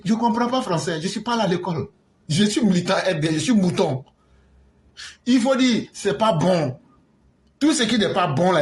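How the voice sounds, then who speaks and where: High-voiced Ivorian man telling a story. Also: reverberant, a little hiss or hum. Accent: Ivorian French. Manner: retells dialogues, mixes in street slang. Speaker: political commentator. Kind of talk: animated storytelling commentary.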